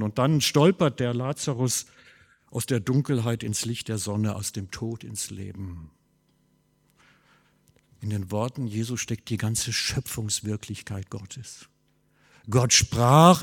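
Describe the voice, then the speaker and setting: A man gives a sermon, his husky voice swinging between loud, stressed phrases and quiet, low asides. The long reverb of a church hall trails after each line. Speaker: pastor.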